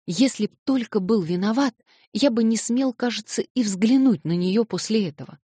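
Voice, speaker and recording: A woman reading an audiobook and voicing an eager, flustered young man who excitedly protests his innocence. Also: fairly high pitch, moderate pace, breathy edge, no room sound, studio quality, pitched above the performer's own voice. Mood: excited pleading.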